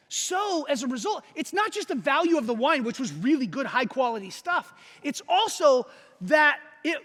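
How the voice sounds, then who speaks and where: A man in his forties preaches a sermon to his congregation in a casual, joking way, acting out the people in his stories. His voice sits very high for a man. It rings out with a long echo through a church hall. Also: pushed and bright. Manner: conversational, jokey, acts out voices of characters. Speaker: pastor. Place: church sanctuary.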